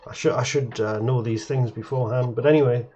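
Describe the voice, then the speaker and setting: A man's voice: mid-range voice, fairly even intonation, brisk, mellow, a little hiss or hum. A man giving a casual show-and-tell of computer hardware at a home workbench. He rambles, hesitates and often corrects himself mid-sentence. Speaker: retro computer hobbyist presenter. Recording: slightly dull, muffled audio.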